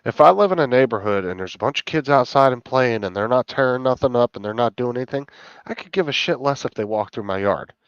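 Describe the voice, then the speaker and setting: A man's voice: mid-range voice, expressive, fast, smooth. A middle-aged man chatting casually on a live stream, blunt and heavily profane as he rants. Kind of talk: casual chat. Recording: muffled, echoey room sound.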